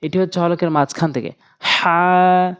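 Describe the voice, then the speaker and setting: A man's voice: on the high side, normal speed, a little mellow. A man teaching Quran letter pronunciation step by step, patiently repeating each sound and drawing the vowels out.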